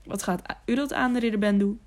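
A woman's voice: medium pitch, fairly quick, darkish tone, lightly acted. A woman reading Tiuri, a proud young squire. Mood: defiant.

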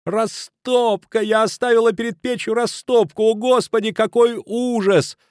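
A man reading an audiobook, voicing a frantic village wife in a shrill, panicked voice. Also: steady tone, measured pace, a little mellow, dry recording, studio quality. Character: frantic village wife, middle-aged woman.

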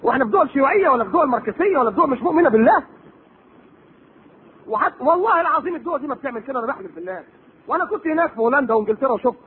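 This tinny, lo-fi tape recording has a little hiss or hum. On it, an Egyptian Arabic-accented preacher lectures on religion in a very high voice with lively intonation, speaking very fast and tossing out rhetorical questions and sarcastic asides.

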